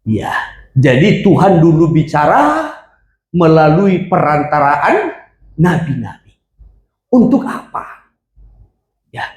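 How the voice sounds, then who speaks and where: A male pastor preaching a sermon, explaining scripture with call-and-response and rising to emphatic shouts. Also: on the high side, sing-song, slow, long pauses, echoey room. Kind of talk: sermon with congregation reading verses.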